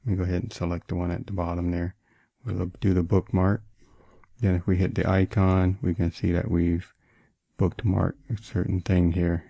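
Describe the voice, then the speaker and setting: A man's voice: low-pitched, vocal fry, warm tone, no echo. A man giving a casual gadget demonstration as a reviewer, talking through each step, with a slight lisp and slur from wearing braces. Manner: talks through steps as they are done. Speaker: tech reviewer and host.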